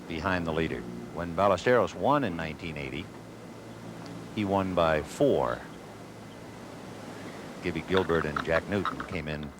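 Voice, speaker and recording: A man giving live golf commentary with wry, wisecracking asides. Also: sits low. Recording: noisy outdoor broadcast with crowd, 1980s. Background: outdoor gallery crowd and ambience.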